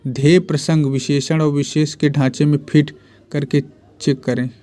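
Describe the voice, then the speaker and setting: A man's voice: fairly high pitch, flat delivery, moderate pace, dark tone. A man teaching Hindi spelling and grammar for exams, repeating each word and answering his own questions. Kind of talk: exam-prep lesson.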